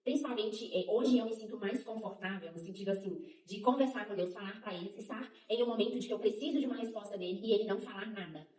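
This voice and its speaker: A young adult woman chatting casually about faith as co-host, animated and laughing often. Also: mid-range voice, fast, few pauses. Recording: roomy, from some distance.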